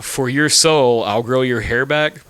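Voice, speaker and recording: A man's voice: medium pitch, a little slow, fairly bright tone, clean tone, dry recording. Man, 30s, podcast co-host; loose, teasing, swears a lot, casual chat. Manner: joking, swears freely, playful teasing.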